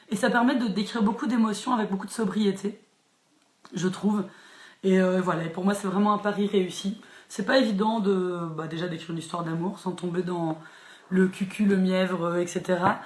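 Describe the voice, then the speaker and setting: A woman's voice: mid-range voice, brisk. A woman who hosts a live book chat and talks casually with many fillers and restarts. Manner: chatty, frequent fillers and restarts, laughs easily. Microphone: phone or laptop live stream. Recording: echoey room.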